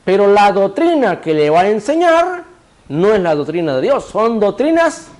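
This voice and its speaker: Male preacher, high voice, sermon delivery, rhetorical questions answered himself, cues a reader to repeat verses. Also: sing-song, normal speed, a little mellow. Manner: asks the congregation rhetorical questions and answers them; directs a reader to repeat scripture phrases.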